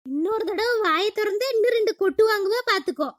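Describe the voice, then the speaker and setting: A blunt, fiery middle-aged aunt from a village cartoon, put on by a voice actor, who threatens loudly. Her voice is sped-up, squeaky and extremely high. It is close and dry. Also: expressive, fast, dry recording. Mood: scolding. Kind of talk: cartoon voice acting.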